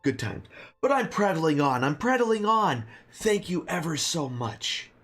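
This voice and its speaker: Very old male innkeeper for a fantasy game, played by a game master: kindly, rambling, quaintly courteous, pitched a little high. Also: big pitch swings, a little slow, a bit bright, faint music behind, exaggerated voice. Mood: grateful, nostalgic. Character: very old man, chatty, grateful, kindly innkeeper.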